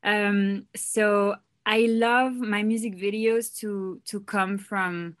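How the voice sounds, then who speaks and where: Speaking slowly in a mid-range voice, a young woman from France who sings and writes songs chats casually during an interview. She's laid-back and loose, with "like" and "you know" turning up constantly.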